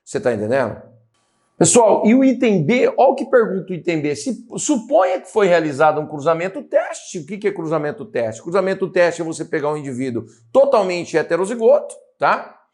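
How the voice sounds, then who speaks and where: Lively Brazilian biology teacher. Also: male voice, high voice, brisk. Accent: Brazilian Portuguese. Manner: lively, talks through steps, repeats "olha lá". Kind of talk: exam-solving lesson.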